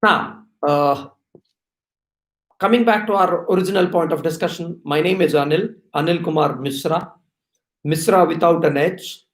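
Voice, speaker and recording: A man in his forties from Odisha, India, speaks Indian English with an Oriya first-language accent, his voice high-leaning and his pace moderate. An HR professional and YouTube host, he chats through a live-stream talk packed with fillers like "you know" and "uh." The recording is low quality and echoey.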